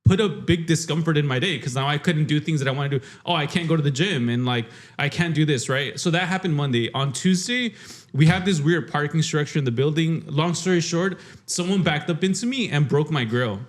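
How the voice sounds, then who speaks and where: A young man co-hosting a podcast, recounting his week in relaxed, rambling casual chat. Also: fairly high pitch, fairly quick. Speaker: podcast co-host.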